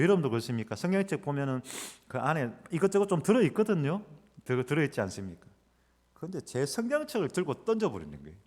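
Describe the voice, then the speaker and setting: A male pastor preaches in a church sanctuary, telling a story with lively, wide-ranging inflection. His voice rings with the long reverb of the hall, and he acts out the quoted lines as he goes. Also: mid-range voice. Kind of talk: sermon with personal story.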